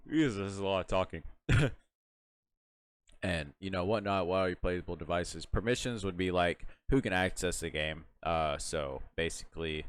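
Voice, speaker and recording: A young man with a very deep, low voice walks through a software tutorial in a loose, rambling way. He fills his talk with "uh" and "like", restarts his sentences and yawns now and then. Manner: rambling, lots of fillers and restarts, yawning. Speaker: tutorial host. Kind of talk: casual screen-recorded software tutorial.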